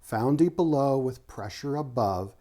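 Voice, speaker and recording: Reading a picture book to children, this mellow-voiced male author, artist and art teacher moves his pitch in a lively way and goes a little slowly. The rhyming lines come out rhythmically, broken by short teacherly asides.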